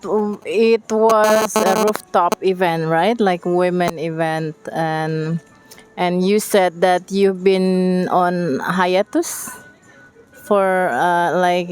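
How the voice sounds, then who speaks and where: A woman's voice: on the low side, steady tone, very slow, a little mellow, smooth. A woman interviewing a guest outdoors by the beach, friendly and hesitant with many fillers. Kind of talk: casual interview.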